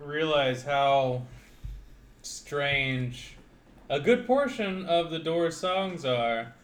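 A man's voice: fairly high pitch, expressive, drawn-out words. Tipsy young man in an echoey room. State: tipsy after a few beers. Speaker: podcast co-host. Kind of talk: casual chat.

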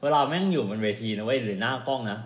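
A man's voice: mid-range voice, quick pace, echoey room. A man co-hosting a podcast in casual chat, talking in a blunt, teasing way. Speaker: podcast co-host.

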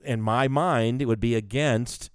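A man's voice: medium pitch, measured pace, clear, resonant tone, no echo, studio quality. A man in casual conversation who rambles and swears freely. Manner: rambling, profane, animated. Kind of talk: casual chat.

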